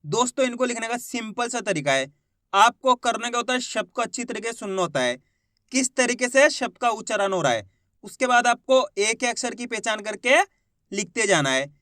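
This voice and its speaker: A man teaching Hindi reading in a slow step-by-step lesson, patiently repeating each word and sounding out syllables. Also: very high-pitched, animated, pushed and bright, no room sound, clean studio sound.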